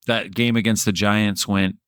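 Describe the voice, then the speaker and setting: A man's voice: on the low side, level tone, unhurried, a bit bright, clean tone, no room sound, studio quality. A man co-hosting a fantasy football podcast, rambling in casual chat, with laughs and swearing. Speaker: podcast co-host.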